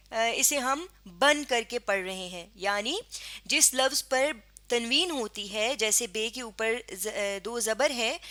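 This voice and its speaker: A woman with a Pakistani Urdu accent teaching a lesson, patiently spelling out sounds and repeating words slowly. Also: a little high, sharp tone. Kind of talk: classroom lesson explaining pronunciation.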